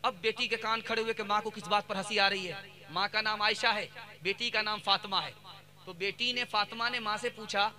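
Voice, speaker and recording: A man's voice: sits high, steady tone, moderate pace. A man giving a sermon as a mufti, telling stories with rhythmic repetition. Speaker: mufti giving a religious talk.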